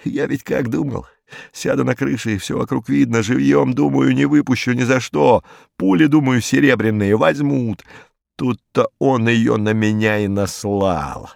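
A man voicing a frightened, superstitious male gangster informer who talks in a jumpy, rambling, pleading way, in a high, strained voice with a gravelly edge. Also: a little slow, a little mellow, dry recording, clean studio sound. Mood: terrified.

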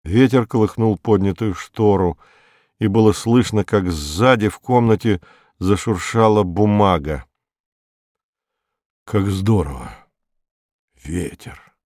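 A man narrating a literary audiobook in a measured, calm way. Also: on the low side, dry recording, studio quality. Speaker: audiobook reader.

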